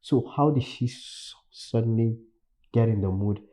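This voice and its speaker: A man reacting to a video, animated and stammering, often jumping in over his co-host. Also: medium pitch, a little slow. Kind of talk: casual reaction commentary.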